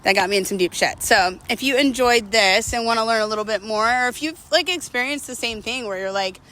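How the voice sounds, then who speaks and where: A woman vlogs while walking, chatting casually and candidly with viewers in a confessional way, slightly out of breath, tossing in self-mocking asides and rhetorical questions. Her voice is a little high, brisk, and sharp.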